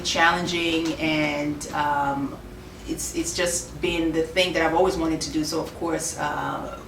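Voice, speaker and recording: A woman's voice: sits low, far from the mic, noisy background. Woman, roomy off-mic sound. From Kenya. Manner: measured, with frequent "uh" and "um" pauses. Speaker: boutique owner. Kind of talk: interview answers. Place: her clothing shop.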